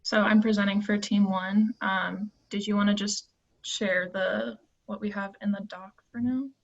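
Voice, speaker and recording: A young woman from Phoenix walks through her team's pitch on a video call. Her voice is gravelly and a little husky, and she stops often for ums. The audio is dull and lo-fi. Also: fairly even intonation, measured pace. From Phoenix, United States. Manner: earnest, many ums while thinking. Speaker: team presenter.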